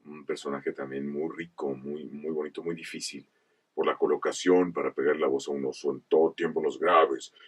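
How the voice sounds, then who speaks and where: With a rumbling low voice and a breathy edge, a voice actor from Chihuahua, in northern Mexico, shares stories from his career as an interview guest. The storytelling is casual, measured and explanatory, with lively asides, and the mic picks him up from a slight distance.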